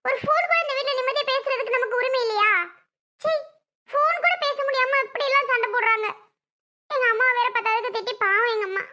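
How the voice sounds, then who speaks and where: Defiant young daughter-in-law, voiced very high and bright, complaining, family comedy skit. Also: fairly quick, exaggerated voice. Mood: sulky. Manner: indignant, complaining.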